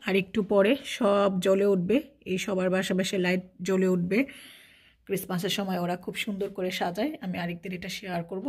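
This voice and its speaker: A woman vlogging from her home, filming out a window with a phone and talking in a chatty way that repeats itself and mixes in English words. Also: medium pitch. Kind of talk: casual vlog narration.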